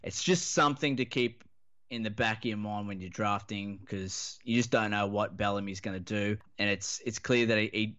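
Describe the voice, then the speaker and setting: A man's voice: fairly low pitch, a bit bright. A man with an Australian accent chatting casually about sport in a laconic, blokey, slangy drawl, as a podcast panellist. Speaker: fantasy rugby league podcast panellist. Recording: dull, lo-fi audio.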